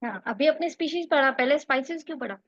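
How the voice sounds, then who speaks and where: A woman's voice: high-pitched, lively intonation, quick pace, no room sound, dull audio. A woman tutoring one student for a spoken English test, correcting mistakes and explaining step by step. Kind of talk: one-on-one online lesson.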